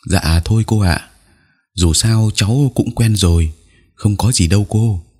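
Curt calm schoolboy, deep husky tone, slow delivery, read by a male narrator. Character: calm, terse schoolboy guiding a friend.

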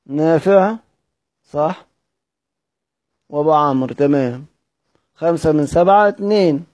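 Mellow Egyptian man teaching, lo-fi recording. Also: fairly high pitch, no room sound. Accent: Egyptian Arabic. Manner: repeats questions to listeners and answers them himself. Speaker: teacher of Quranic readings. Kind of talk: explanatory lesson.

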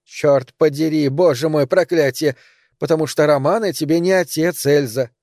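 A man reading an audiobook, voicing an older woman, a gruff grandmother who speaks curtly and irritably. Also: fairly high pitch, normal speed, darkish tone, no echo, studio quality, lightly acted. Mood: exasperated. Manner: curt and irritable.

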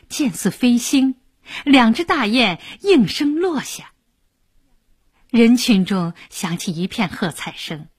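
A woman storyteller telling a long traditional tale in an expressive, rhythmic way. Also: on the high side, breathy edge, dry recording, clean studio sound.

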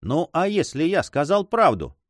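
Man doing a cold greedy spy, audiobook, coolly polite, deferential, lively pitch, dry close sound. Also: moderate pace, dry recording. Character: cold, calculating male spy, greedy for gold. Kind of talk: audiobook reading.

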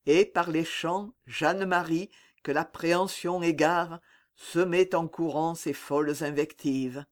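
A woman reading a narrative poem aloud as an audiobook in a deliberate literary manner. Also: on the low side, fairly even intonation. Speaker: audiobook reader.

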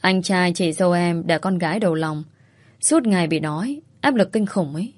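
A woman reading a smug young teacher, needling and teasing, lowish voice, storybook telling. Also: moderate pace, darkish tone, dry recording, close to an everyday voice.

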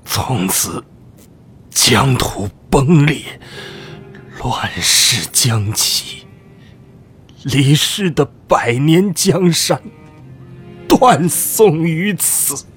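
A male actor playing a sick, grieving old court official in a Chinese historical audio drama, his voice hoarse, breathy and raspy, halting and theatrical. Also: on the low side, exaggerated voice. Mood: bitter, fearful. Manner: theatrical, halting, swinging from whisper to wail. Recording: music under the voice.

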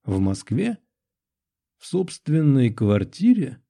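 A man's voice: mid-range voice, big pitch swings, takes it slowly, vocal fry, warm tone, heavily acted. A man voicing a loyal, humble male servant who speaks in a deferential, earnest way in an audiobook. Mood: startled. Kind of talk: audiobook character voice.

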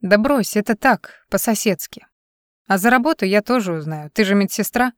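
A woman voicing a gruff, terse neighbor man. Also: mid-range voice, lively intonation, normal speed, dry recording, clean studio sound, close to an everyday voice. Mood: easygoing. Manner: terse, matter-of-fact.

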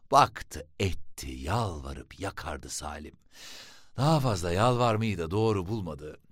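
A man narrating a story for an audiobook in a lively, expressive reading. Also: sits low, breathy edge, dry recording, studio quality.

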